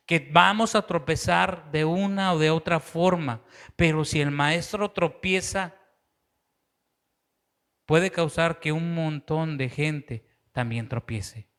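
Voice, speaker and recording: A man with a Mexican accent, a pastor preaching a sermon and telling a story with acted-out voices. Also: on the high side. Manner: earnest preaching, acts out quoted voices in the story.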